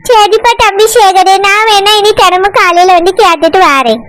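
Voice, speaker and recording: A woman's voice: very high voice, moderate pace, a bit bright. A woman doing a bossy Kanyakumari grandmother. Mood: scolding. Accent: Kanyakumari Tamil. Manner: scolding, coaxing. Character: bossy elderly village grandmother. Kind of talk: cartoon voice acting.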